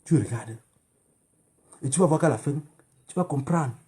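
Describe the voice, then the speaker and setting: Here an online activist livestreamer talks to his viewers in a fairly high, dark-toned voice at a moderate pace. His political monologue, in a Cameroonian accent, is emphatic and admonishing, with repeated phrases and rhetorical questions.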